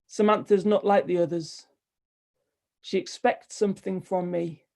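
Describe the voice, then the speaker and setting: A woman poet reading her poems aloud in a measured, wry delivery, with hesitant, rambling asides between them. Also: lowish voice, steady tone, gravelly, darkish tone. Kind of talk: poetry reading with spoken asides.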